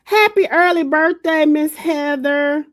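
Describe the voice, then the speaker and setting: A woman's voice: high voice, takes it slowly, dry recording, studio quality. A woman from Georgia co-hosting a podcast in casual chat, teasing and laughing often. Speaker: podcast co-host.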